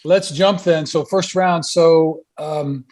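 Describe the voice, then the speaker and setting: A man's voice: a little high, steady tone, slow, crowd noise. A man hosting a podcast, asking questions in a loose, rambling way full of "I guess" and "you know". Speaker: podcast host. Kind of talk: casual interview.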